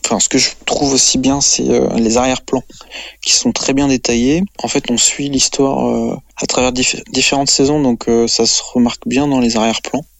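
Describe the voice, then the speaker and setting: Male radio columnist, gravelly, halting casual review delivery. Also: mid-range voice, flat delivery, no room sound. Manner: hesitant, many fillers.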